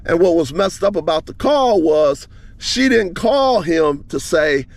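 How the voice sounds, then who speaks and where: A man giving relationship advice, telling a friend's story in a casual, animated way with many restarts. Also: fairly high pitch, vocal fry. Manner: animated retelling, many restarts, speeds up and slows down.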